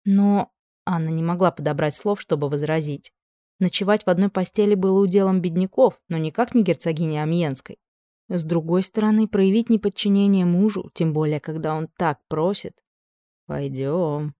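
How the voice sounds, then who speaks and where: A reader giving measured, scripted narration of a novel. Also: mid-range voice, mellow, no room sound, studio quality. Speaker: audiobook reader.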